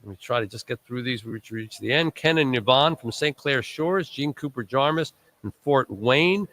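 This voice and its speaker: A man's voice: medium pitch, animated, normal speed, fairly bright tone. A man hosting a live charity radiothon, rambling through long thank-you lists with joking asides, his voice worn from recent illness. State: recovering from illness, voice strained. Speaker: radiothon host.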